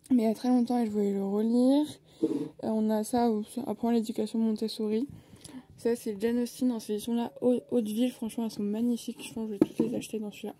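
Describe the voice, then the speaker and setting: A young woman talks casually into her phone at home, rambling with frequent hesitations. Her voice sits fairly high but stays flat in tone, with a soft, mellow colour. A faint hiss runs underneath. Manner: chatty, lots of hesitation fillers. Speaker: vlogger. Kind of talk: casual bookshelf tour.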